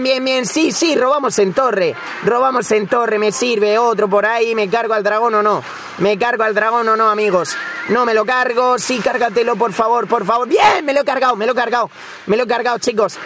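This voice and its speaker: Excitable young gaming commentator man. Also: very high-pitched, a little hiss or hum. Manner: excitable, frequent shouting and repeated words. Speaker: gaming streamer. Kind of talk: live gameplay commentary.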